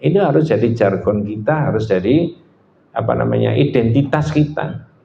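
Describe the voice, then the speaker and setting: A man with a Surabaya accent preaching a sermon, animated, quizzing his listeners with questions. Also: medium pitch, normal speed, vocal fry, slight background noise. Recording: echoey lo-fi hall.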